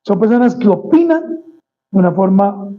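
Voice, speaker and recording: A man's voice: high voice, big pitch swings, normal speed, muffled recording. A male pastor delivering a conversational sermon, addressing the congregation as brothers and acting out small quoted exchanges.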